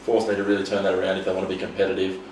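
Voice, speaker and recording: A man's voice: low-pitched, monotone, darkish tone. A man hosting a casual sports chat, laid-back and fond of saying mate. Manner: quick, laid-back, says mate a lot. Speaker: sports podcast host. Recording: roomy, distant mic, faint noise.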